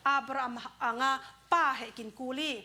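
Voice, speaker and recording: Bright high-voiced woman preaching. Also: steady tone, moderate pace. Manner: conversational preaching, mixes in English words. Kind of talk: sermon.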